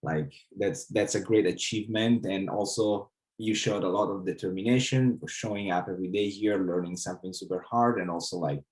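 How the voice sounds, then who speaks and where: A man with a thick Italian accent, a coding bootcamp instructor giving halting, grateful closing remarks to his class. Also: deep voice, a little mellow, low-quality recording. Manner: halting, many fillers, grateful.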